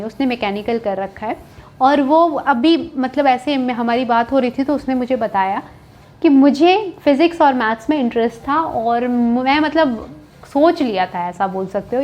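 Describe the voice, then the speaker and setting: Brief: young woman, high voice, frank, chatty student-advice vlogger. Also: darkish tone. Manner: candid, chatty, mixes English words into speech, keeps asking "right?". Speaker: coding educator on a video channel. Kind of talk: casual advice talk to students.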